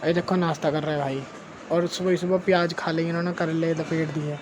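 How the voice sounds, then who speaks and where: A young man narrating his daily vlog at home in a casual, chatty way, filling his talk with "bhai" and "theek hai" and sometimes dropping to a hush. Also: a little high, little pitch movement, fairly quick. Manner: drops to a hushed voice at night. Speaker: vlogger. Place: family home and rooftop. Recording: noisy home phone recording.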